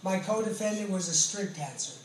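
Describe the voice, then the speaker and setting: A California pastor and ex-convict in his late forties preaches a testimony sermon, his voice sitting high and moving a little fast. He is earnest and emphatic, circling back to repeat phrases for weight. The sound is roomy and distant, with faint background noise from the far-off mic.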